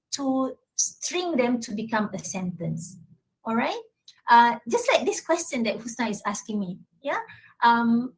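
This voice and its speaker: Answering audience questions at a talk, this Malaysian-accented woman, a university lecturer, checks understanding with frequent tags like "yeah?" and "all right?". Her voice is a little high, a bit bright and slightly rough, and the audio is poor.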